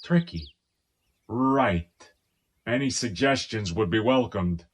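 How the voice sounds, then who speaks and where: A sarcastic exasperated captain. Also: male voice, lowish voice, expressive, slow. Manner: dry sarcastic. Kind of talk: audio drama acting.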